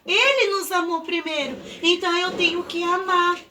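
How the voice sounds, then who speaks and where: A woman telling a Bible story to children in an animated, drawn-out way. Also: very high voice, far from the mic, noisy background.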